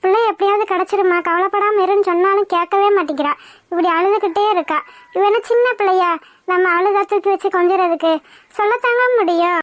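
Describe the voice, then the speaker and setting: A woman's voice: extremely high pitch, steady tone, brisk, dry recording, studio quality. A woman voicing a middle-aged village woman who consoles a crying relative and grows weary of repeating herself in a cartoon. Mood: exasperated. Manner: consoling, exasperated. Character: soothing older sister-in-law, middle-aged woman, patient. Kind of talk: cartoon voice acting.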